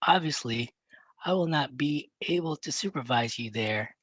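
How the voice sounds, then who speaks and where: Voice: mid-range voice, expressive, normal speed, fairly bright tone, husky, no room sound. A reader voicing an absent-minded older father, a math professor who speaks in short, formal, clipped packets.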